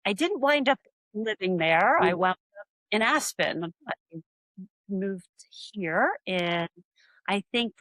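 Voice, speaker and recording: A woman's voice: mid-range voice, animated, a bit bright, no echo, low-quality recording. A middle-aged woman from rural Pennsylvania, an artist telling her story in an interview with many fillers. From rural Pennsylvania, USA. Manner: rambling, many fillers, quick bursts. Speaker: artist, podcast guest.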